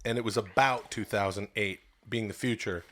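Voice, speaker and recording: Comic podcast host, man, bright and forward tone, jokey banter with sudden loud outbursts. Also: on the low side, moderate pace. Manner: playful, bursts into loud goofy shouts. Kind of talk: casual comedic chat.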